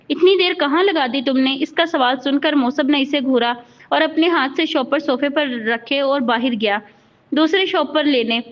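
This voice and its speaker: A woman reading a romance novel aloud as steady storytelling narration. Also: sits high. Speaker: novel reader. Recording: dull lo-fi recording.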